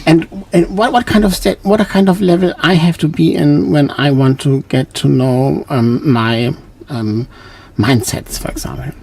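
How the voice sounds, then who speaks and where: A man with a German accent hosting a radio interview, asking halting questions with many fillers. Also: fairly high pitch, a little mellow, a little hiss or hum. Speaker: radio host.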